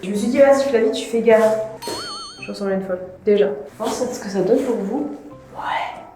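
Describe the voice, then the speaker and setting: A woman's voice: medium pitch, fairly quick, dark tone, heavy reverb, faint music behind, low-quality recording. A young woman filming a casual home vlog, chatty and self-mocking, swearing casually as she paints her entryway. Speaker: vlogger.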